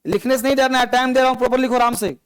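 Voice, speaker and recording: A male teacher, giving a classroom grammar lesson and explaining slowly while he drills his students through repeated examples. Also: very high voice, fairly even intonation, smooth, dry recording, low-quality recording.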